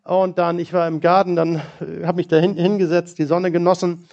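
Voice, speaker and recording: A middle-aged man preaching a sermon, telling personal stories in a lively, personal way. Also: sits high, fairly quick, creaky, muffled recording.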